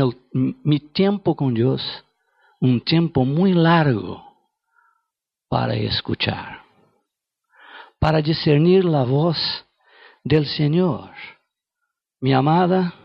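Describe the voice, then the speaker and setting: A middle-aged male preacher with a Brazilian Portuguese accent speaks slowly and earnestly, leaning on each point. His voice sits a little high and has a gravelly, creaky edge. The recording is dull and lo-fi, with a dry sound and no room echo. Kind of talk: sermon.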